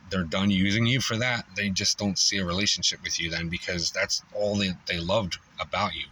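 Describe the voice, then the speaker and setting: A man's voice: sits low, sharp tone, recorded from a distance, slight background noise, rough recording. A man coaching on relationships, telling a long personal story in a loose conversational way, full of "you know" and "like", acting out heated exchanges as he goes.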